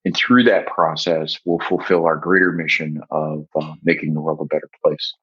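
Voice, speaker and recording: Older male guest, deep husky voice, deliberate filler-heavy delivery, muffled lo-fi recording. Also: steady tone. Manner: measured, with frequent "uh" fillers. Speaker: guest, software agency founder. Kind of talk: podcast interview answers. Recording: dull lo-fi audio.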